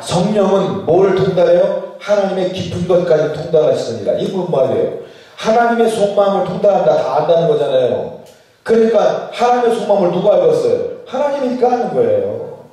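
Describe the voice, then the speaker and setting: This pastor's voice is high and dark, moving briskly with wide swings in pitch. Preaching at a church retreat, he asks the congregation questions and leads everyone in reading scripture together, heard distantly in a large hall full of echo.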